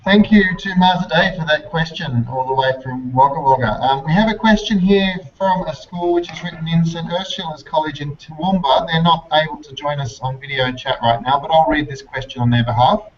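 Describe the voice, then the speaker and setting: A man hosting a live video call for schools, giving formal, measured introductions with frequent pauses. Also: on the high side. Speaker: host. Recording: distant, muffled video call audio.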